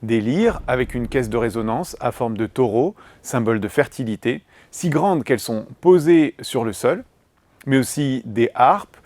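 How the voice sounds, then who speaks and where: A man narrating a scripted music history lesson in a clear, measured way, listing items one by one. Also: medium pitch, expressive, a little mellow, dry recording.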